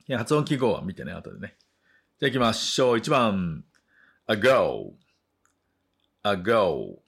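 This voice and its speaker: Male English tutor, lowish and very animated in pitch, unhurried, models each word for listeners to repeat. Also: vocal fry, breathy edge. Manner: slow, deliberate modeling of words for learners to repeat. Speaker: English teacher. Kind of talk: bilingual story reading and pronunciation drill.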